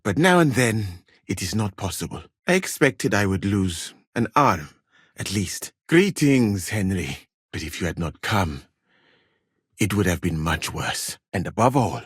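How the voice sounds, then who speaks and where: A husky, learned Malian physician, Musa. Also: male voice, sits low, animated, no room sound, clean studio sound, full character voice. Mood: wry, then gracious. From Mali. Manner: formal, measured, precise wording without contractions. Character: learned, courteous medieval Malian scholar and physician, dryly witty. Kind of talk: video game character dialogue.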